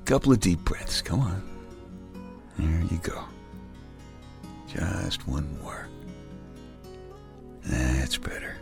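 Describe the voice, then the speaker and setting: An older man gently tucking the listener in at bedtime, soothing them toward sleep as a podcast host signing off. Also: sits low, sing-song, takes it slowly, vocal fry, pauses often, over music. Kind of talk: soft bedtime sign-off.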